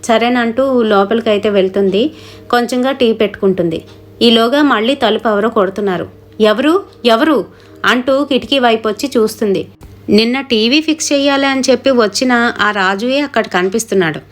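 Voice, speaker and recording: A woman narrating a horror story in a steady, conversational telling. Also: on the high side, fairly quick.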